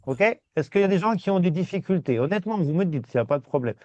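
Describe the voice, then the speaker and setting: A man teaching a language class, reassuring his students and repeating words slowly. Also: a little high, expressive, a little mellow, no room sound. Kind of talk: patient step-by-step class. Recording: dull, dry sound.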